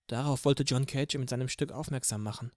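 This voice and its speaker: A man reading an audiobook, voicing a young male band member who murmurs quietly during a silent protest. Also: mid-range voice, brisk, no room sound, lightly acted. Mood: hushed. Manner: hushed, murmured. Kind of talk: audiobook character voice.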